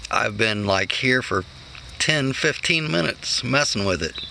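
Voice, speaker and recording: Holding a phone camera close, a middle-aged homesteader walks through his backyard garden in a casual handheld vlog, amazed as he thinks aloud. His mid-range, gravelly voice is expressive, pushed and bright at a measured pace, with a little hiss or hum.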